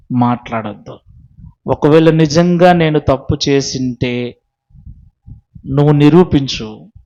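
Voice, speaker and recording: A male pastor preaching a sermon with a Telugu accent, firing sharp rhetorical questions at his listeners. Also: mid-range voice, lo-fi sound.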